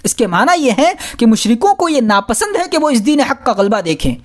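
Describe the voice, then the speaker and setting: A high-voiced woman reads a scholarly audiobook from a script. Her intonation rises and falls in a very lively way, yet her delivery remains formal and measured.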